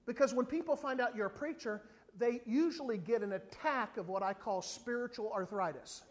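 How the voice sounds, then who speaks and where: There's slight background noise as a man with a very high voice preaches at normal speed. The evangelist, not from South Africa, tells a funny story with animated flair, briefly acting out the people in it.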